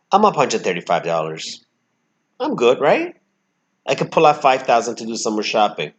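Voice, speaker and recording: Brash man narrating his stock trades. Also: fairly low pitch. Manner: brash, emphatic, swings between loud and muttered asides. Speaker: stock trading channel host. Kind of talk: live trading commentary.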